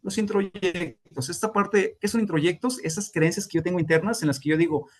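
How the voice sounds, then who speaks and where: A man's voice: sits high, moderate pace. A man lecturing on grief as a therapist, explaining steps and acting out clients' voices in quotes. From Mexico. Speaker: grief therapist teaching a class.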